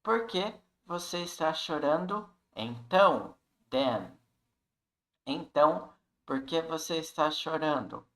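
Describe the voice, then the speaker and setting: A man's voice: a little high, animated, slow, a bit bright, reverberant, low-quality recording. A man teaching an English lesson, reading a text aloud and repeating phrases to coach pronunciation.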